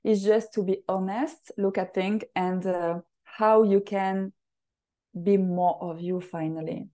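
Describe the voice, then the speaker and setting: French lady hosting a solo podcast, soft mellow voice, earnest, lots of uhs. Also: mid-range voice, fairly even intonation. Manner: earnest, halting, repeats a rapid formula. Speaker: podcast host and facilitator.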